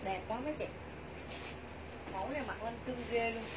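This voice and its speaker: A middle-aged woman with a southern Vietnamese accent giving a chatty, repetitive live sales pitch to viewers from a small clothing shop. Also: moderate pace. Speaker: clothing shop livestream seller. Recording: noisy shop livestream, clear background noise.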